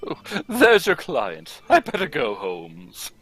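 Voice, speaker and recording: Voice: medium pitch, wildly swooping pitch, slow pace. A performer playing Doctor Watson as an amiable, curious, easily astonished male companion in a theatrical radio play reading. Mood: amiable, eager. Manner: theatrical, exclamatory, questioning. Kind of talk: live radio play reading, old-time radio acting.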